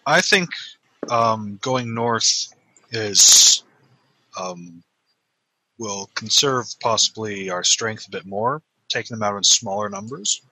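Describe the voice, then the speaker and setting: A man's voice: fairly low pitch, takes it slowly, sharp tone, low-quality recording. A man playing a tabletop game, hesitantly describing his character's gestures with many fillers. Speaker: player. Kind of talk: casual tabletop play.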